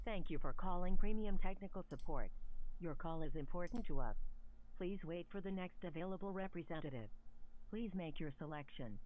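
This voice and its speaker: Recorded phone hold message, high male voice. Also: expressive, moderate pace. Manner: polite, evenly repeated phrases. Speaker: automated phone line announcer. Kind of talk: scripted automated announcement. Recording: muffled phone line with faint hiss.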